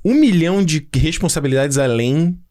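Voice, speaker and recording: A man co-hosting a casual movie chat podcast over a video call, animated and slangy, with many restarts. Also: a little high, normal speed. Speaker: podcast co-host.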